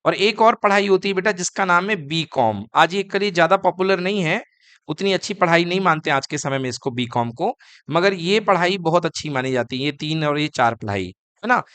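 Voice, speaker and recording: A man's voice: a little high, expressive, normal speed, fairly bright tone, clean tone, dry recording. Male teacher, lecture delivery, question-and-answer style, clean dry sound. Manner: asks students questions and answers them himself; calls students kids and beta. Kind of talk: classroom lecture.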